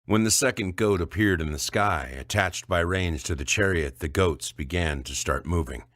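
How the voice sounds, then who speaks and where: Deep-voiced man narrating an audiobook. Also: normal speed, a bit bright, dry recording, studio quality.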